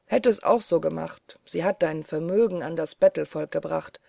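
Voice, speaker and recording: Lady reading a big greedy giant, mocking and boastful, dark low voice. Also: moderate pace, creaky, dry recording, clean studio sound, heavily acted. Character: huge greedy sly male forest giant.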